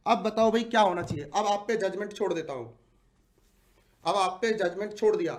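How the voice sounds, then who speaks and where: An exam-prep teacher of forty delivers an impassioned, indignant video address packed with rhetorical questions. His voice is high-pitched and a little fast.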